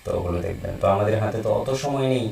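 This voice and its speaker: A man teaching Quran reading, chanting letter-and-vowel drills slowly and explaining in between. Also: lowish voice, gravelly, a little mellow, a little hiss or hum. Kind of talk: recorded lesson, slow drilled recitation. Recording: roomy echo from a distance.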